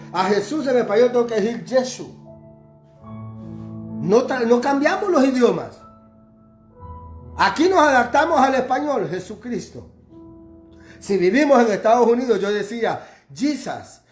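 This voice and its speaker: A man delivers a fervent sermon, building on repeated phrases. His voice rings in a roomy space, and faint instrumental music plays underneath. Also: high voice. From Honduras. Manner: fervent, repetitive preaching cadence. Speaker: preacher.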